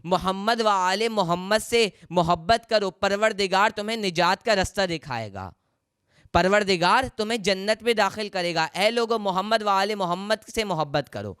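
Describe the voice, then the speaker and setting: Man doing a devout once-blind woman, slow preaching cadence, high voice, clear resonant tone. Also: animated, a bit bright, no room sound, clean studio sound.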